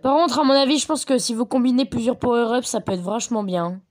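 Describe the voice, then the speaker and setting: Chatty high-voiced woman gamer. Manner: chatty, rambling, quick to get excited. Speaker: gameplay commentator. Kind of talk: casual gaming commentary. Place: her bedroom at home.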